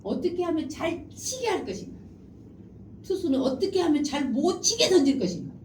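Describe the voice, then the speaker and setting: A middle-aged woman giving a lively lecture on parenting. She acts out short parent and child lines as she teaches. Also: high voice, moderate pace, distant mic, a little hiss or hum. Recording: roomy hall, speaker away from mic.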